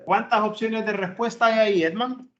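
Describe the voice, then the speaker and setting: A man teaching an online class, patiently coaxing a student and repeating his questions slowly. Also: sits high, fairly even intonation, a bit bright, slight background noise. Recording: roomy, dull lo-fi call audio.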